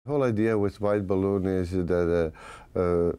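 A man in his forties with a Bosnian accent, speaking haltingly and reflectively in an interview. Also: low voice, fairly even intonation, mellow, clear, resonant tone. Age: 40s. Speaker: filmmaker, interviewee. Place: small home studio room.

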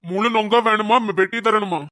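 A voice actor playing a gruff old fruit seller in a cartoon, with a deep pitched-down voice and a loud, brusque way of talking. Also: fairly even intonation, fairly quick, no room sound, clean studio sound, lightly acted. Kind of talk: cartoon voice acting.

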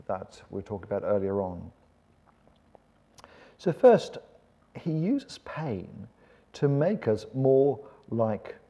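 A middle-aged man preaching a sermon in a kindly, gentle vicar's manner, often putting questions to his listeners. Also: medium pitch, breathy edge. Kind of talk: sermon to a seated congregation. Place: church auditorium with stage.

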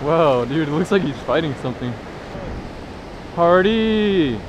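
A young man filming a fishing vlog on a beach, talking to viewers in a joking, excitable way. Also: a little high, measured pace, highs cut off. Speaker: fishing vlogger. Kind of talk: casual excited vlog commentary. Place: beach by the surf, outdoors. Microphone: action camera. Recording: wind and surf noise.

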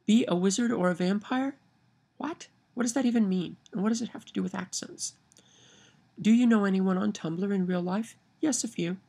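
A Kansas woman and vlogger with a Midwestern American accent and a nasal twang reads a word list and then a novel passage to a webcam held at arm's length. Her mid-range voice is warm, creaky, and slightly rough at a moderate pace, recorded indoors in a home room beside window blinds.

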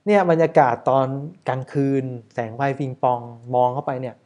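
A man's voice: mid-range voice, animated, a little fast, darkish tone, dull audio. A man, a wedding photographer, casually talking over footage in a chatty way, often asking rhetorical questions.

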